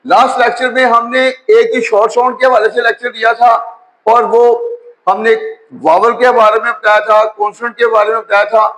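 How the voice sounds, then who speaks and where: A man. His tone is bright and forceful. He goes slowly, repeating each word and spelling it out letter by letter. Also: very high voice, little pitch movement, low-quality recording. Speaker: English teacher. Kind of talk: spoken grammar lecture.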